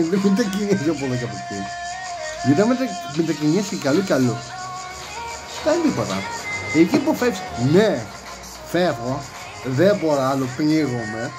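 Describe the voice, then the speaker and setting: A man's voice: a little high, poor audio. A man rambling in a casual monologue, acting out quoted dialogue in raised voices. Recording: music playing behind the voice.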